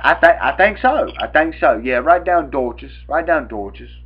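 Brisk and husky, this young Southern US man's fairly high voice has lively intonation as he makes an improvised prank call, rambling, stammering and saying things over. He's indoors in a small room at home, picked up by a webcam at arm's length that produces dull, lo-fi sound.

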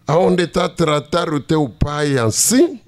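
A man's voice: a little high, lively intonation, slow pace, slight background noise, pitched above the performer's own voice. A man doing a stern reproachful old father. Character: aggrieved elderly spiritual father, stern.

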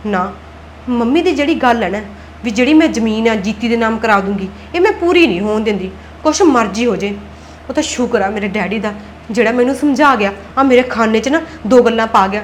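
A woman's voice: on the high side, animated, fairly quick, slight background noise, natural voice. An actress playing a scheming young wife and daughter-in-law in a family drama, who argues back and plots under her breath. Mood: plotting. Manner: argumentative, self-talk plotting. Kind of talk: Punjabi web-series acting.

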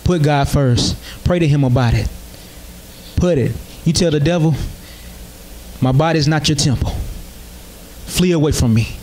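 A Southern US man preaches encouragement into a handheld mic on a talk-show set, his voice sitting a little higher than usual. He exhorts in short, repeated commands, earnest and steady. A faint hiss runs under the recording. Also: moderate pace. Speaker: gospel rap guest.

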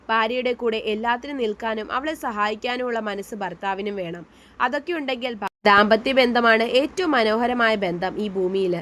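A woman voicing an elderly, gentle grandmother who soothes and gives advice, in a storybook reading. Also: on the high side, natural voice. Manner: soothing, lecturing.

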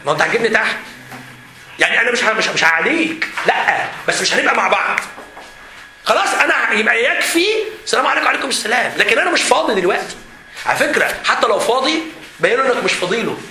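A man with an Egyptian Arabic accent leading a seminar for students as their teacher, animated and joking, often laughing as he talks. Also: very high voice, rapid-fire. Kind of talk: lively seminar talk to students. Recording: echoey hall with faint background noise.

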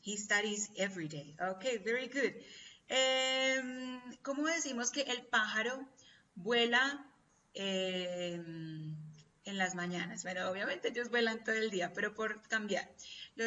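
A woman's voice: mid-range voice, a little slow, sharp tone. A woman teaching a class online, patiently quizzing her students over and over. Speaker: English teacher. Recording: distant, dull lo-fi call audio with faint hum.

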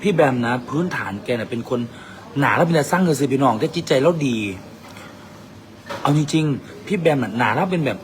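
A man's voice: a little high, animated, fairly quick. A man with an Isan Thai accent hosts a vlog, trading boisterous, teasing banter in a cafe. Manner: teasing, boisterous, mixes in dialect. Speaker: vlog host. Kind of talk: casual joking banter. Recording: noisy cafe ambience.

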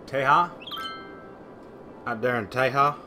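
A man's voice: medium pitch, slow, sharp tone, faint music behind. A man streaming a city-building game, chatting casually, rambling, swearing and answering his chat.

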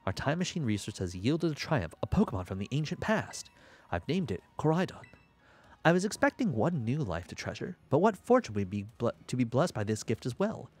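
A man voicing a formal, emotionless woman scientist in a video game, with flat, stiff amateur acting. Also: mid-range voice, brisk, husky. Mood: formal, detached.

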